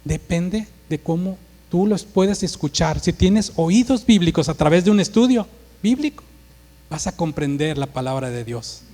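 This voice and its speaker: A man's voice: a little high, animated, normal speed, dark tone. A male pastor with a northern Mexican Monterrey accent, preaching emphatically and acting out dialogue with force. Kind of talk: sermon. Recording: long hall reverb.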